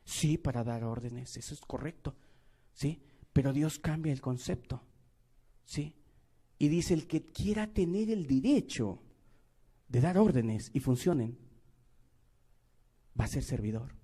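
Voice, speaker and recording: A man with a Mexican accent preaching a sermon, moving between loud emphatic lines and quiet asides, acting out little dialogues. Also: medium pitch, lively intonation, a little slow, long pauses, breathy edge. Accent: Mexican Spanish.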